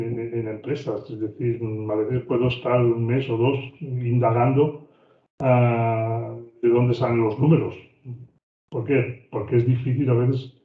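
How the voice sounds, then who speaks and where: Man, Spain Spanish accent, online business trainer, talks in loose restarts and repeated words, thin phone-like sound, roomy echo. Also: medium pitch. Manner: conversational, often repeats words and restarts phrases. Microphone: video call microphone. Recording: tinny, roomy online call audio.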